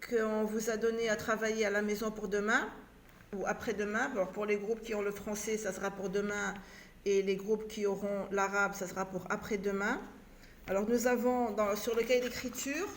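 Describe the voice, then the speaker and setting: A woman teacher giving a recorded lesson to young children, slowly spelling out letters and syllables and repeating herself for them. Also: medium pitch, slight background noise. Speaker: primary school teacher.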